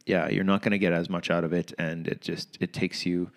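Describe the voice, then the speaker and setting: A man in his forties with a fairly low voice talks as a fitness coach. His manner is easygoing and casual, full of loose fillers. He is chatting in a gym. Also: brisk, creaky. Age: 40s. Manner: relaxed, easygoing, with many fillers like "like" and "you know". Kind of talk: casual chat.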